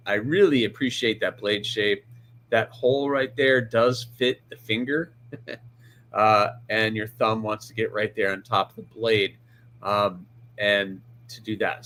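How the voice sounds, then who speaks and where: A man's voice: on the low side, measured pace, a bit bright. A man hosting a live stream about pocket knives, chatting casually, greeting viewers by name and restarting sentences as he handles a knife. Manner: handles the knife while talking, restarts often.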